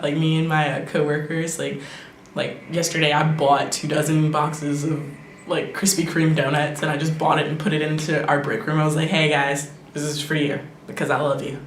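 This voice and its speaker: A young woman in her twenties, an English teacher, chatting casually to her camera vlog with lots of fillers and quick laughs. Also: sits low, little pitch movement. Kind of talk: casual talking-head vlog. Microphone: camera microphone. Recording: echoey room with faint noise.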